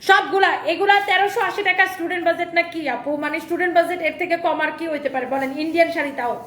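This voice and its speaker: A woman selling clothes on a live stream, repeating prices in a quick pitch, her throat sore and strained. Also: steady tone, pushed and bright, roomy sound, recorded from a distance. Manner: fast repetitive sales pitch, repeats prices. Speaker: online clothing seller.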